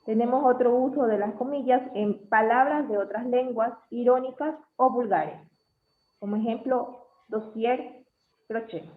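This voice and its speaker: A woman reading a class presentation on punctuation, going through definitions and examples in a measured way. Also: a little high. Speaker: student presenter. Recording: tinny phone-like audio in an echoey room.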